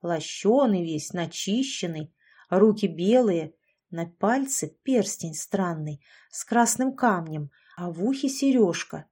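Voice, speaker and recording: A woman voicing a bitter, frightened old village man in an audiobook, speaking slowly and gruffly. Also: on the low side, lively intonation, mellow, heavily acted. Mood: storytelling. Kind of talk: audiobook character voice.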